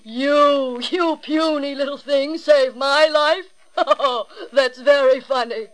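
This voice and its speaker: A woman voicing a great big, proud, mocking male lion with a slow, booming delivery. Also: steady tone, rough recording.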